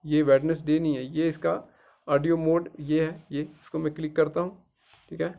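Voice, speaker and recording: A gravelly, slightly high-voiced middle-aged man from Jammu and Kashmir walks his students through a tutorial one step at a time. He talks patiently and repeats himself, checking often that they follow. The recording sounds dull and lo-fi. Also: flat delivery, moderate pace. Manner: patient, repetitive, keeps checking with "theek hai". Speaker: teacher. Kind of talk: screen-guided tutorial.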